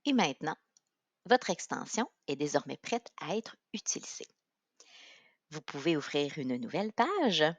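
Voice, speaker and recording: A woman with a Quebec French accent narrating a step-by-step software tutorial in an instructional way. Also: low-pitched, big pitch swings, measured pace, no room sound, dull audio. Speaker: tutorial presenter.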